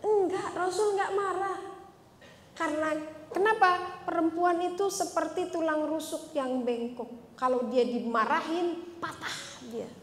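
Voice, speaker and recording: A woman preacher, telling stories in a lively, chatty way and acting out the voices. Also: very high voice, measured pace. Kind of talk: casual religious talk to women. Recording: echoey hall with faint ambience.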